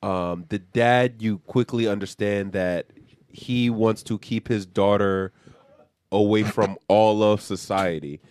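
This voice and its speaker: A man's voice: on the low side, takes it slowly, smooth, no room sound. Casual young man with a dry voice. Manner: animated, swears freely, acts out characters while recapping. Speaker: podcast co-host. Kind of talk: casual chat.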